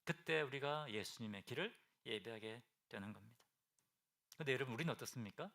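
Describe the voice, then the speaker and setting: Animated, bright-voiced preacher man. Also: medium pitch, a little fast, gravelly. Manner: animated, keeps asking the congregation questions; swings between loud bursts and hushed, near-whispered lines. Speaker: pastor. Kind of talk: sermon. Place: church sanctuary.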